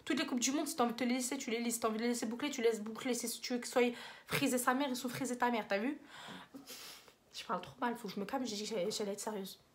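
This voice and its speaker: A woman's voice: on the high side, racing. A young woman with a French accent giving casual advice in a vlog, rambling and slangy, often laughing at herself. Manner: rambling, slangy, self-mocking. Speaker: vlogger.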